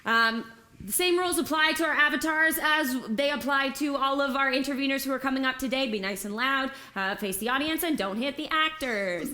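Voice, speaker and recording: A woman's voice: high-pitched, a little fast, bright, forceful tone. A woman facilitating an interactive theatre show, introducing scenes and explaining the rules in an upbeat, instructive way. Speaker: workshop facilitator.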